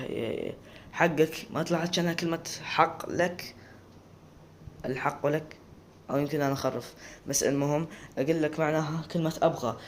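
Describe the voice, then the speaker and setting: Talking casually to camera, an Iraqi man who makes videos rambles and keeps cutting off to restart words, his accent Iraqi Arabic. His voice is a little high, and there's a slight hiss or hum in the recording.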